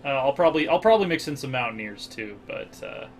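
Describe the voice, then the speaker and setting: Fast and sing-song, a mid-range American male voice narrates a strategy game playthrough for his gaming channel. The talk is casual, and he thinks aloud with plenty of fillers.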